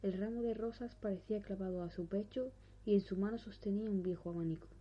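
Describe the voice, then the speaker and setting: Breathy woman narrating a horror tale. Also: mid-range voice, steady tone, fast talker. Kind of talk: scripted narration of a horror story. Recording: dull recording with faint music.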